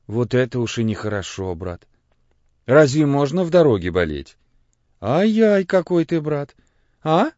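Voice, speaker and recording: A man's voice: mid-range voice, very animated, measured pace, dry recording. A man playing a kindly fussing old priest. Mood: concerned. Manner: gentle, fatherly, clucking concern. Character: kindly, fussing elderly male village priest. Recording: dull, muffled audio.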